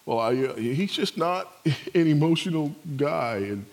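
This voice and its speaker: A man voicing a defensive husband who insists he is unemotional, with halting, stammering excuses. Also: fairly high pitch, expressive, a little mellow, pitched above the performer's own voice. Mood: whiny, defensive.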